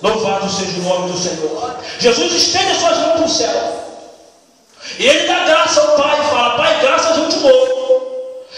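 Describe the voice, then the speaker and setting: High-voiced shouting preacher, echoey hall. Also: male voice, animated, moderate pace. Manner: shouting, with frequent hallelujahs. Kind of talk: Pentecostal sermon. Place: church hall. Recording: echoey church hall from far off.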